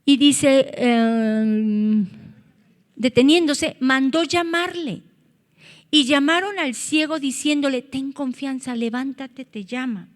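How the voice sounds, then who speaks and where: A woman preaching a sermon, earnest, rising to loud cries when she quotes scripture. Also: high-pitched, slow, long reverb tail.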